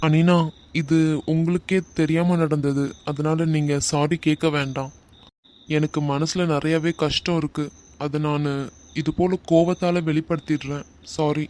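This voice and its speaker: A man voicing an earnest young man in an animated love drama, with a Kanyakumari Tamil accent and a subdued manner. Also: fairly high pitch, a little slow, lightly acted. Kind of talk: animated web series voice acting.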